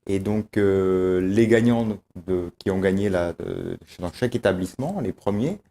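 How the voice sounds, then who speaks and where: A man organizing a student competition, explaining it in an interview with many pauses and fillers. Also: deep voice, mellow, a little hiss or hum. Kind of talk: interview answers.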